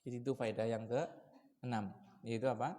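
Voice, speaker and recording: A man preaching at a mosque study session, asking his listeners questions and shifting between raised warnings and quiet asides. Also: moderate pace. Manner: lively, shifts from loud warnings to low asides, asks the audience questions. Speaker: Islamic preacher.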